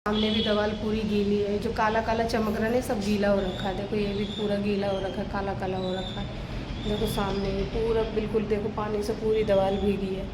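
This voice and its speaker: Hushed woman vlogging on her phone. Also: little pitch movement, fairly quick, background noise. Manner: hushed, low-volume talk so as not to wake a sleeper. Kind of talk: casual vlog chat while walking around home. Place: at home and up on an unfinished rooftop.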